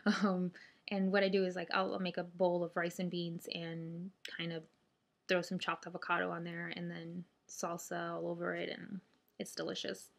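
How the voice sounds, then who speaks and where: A woman's voice: fairly low pitch, completely flat delivery, normal speed, vocal fry. A woman chatting casually to camera as a vlogger, hesitant and thinking aloud, speaking with a stiff mouth and limited jaw opening after jaw surgery. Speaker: vlogger sharing surgery recovery update.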